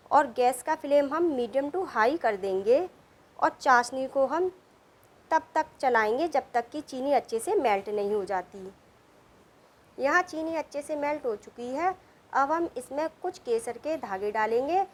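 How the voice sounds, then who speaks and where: High-voiced woman narrating a recipe. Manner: calm, steady instructional narration. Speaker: cooking channel host. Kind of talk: step-by-step recipe voice-over.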